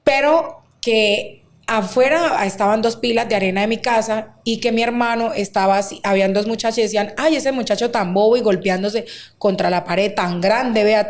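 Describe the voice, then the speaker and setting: A woman, a guest recounting a deeply painful personal story, acting out quoted dialogue with many fillers. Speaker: interview guest. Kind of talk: emotional personal testimony.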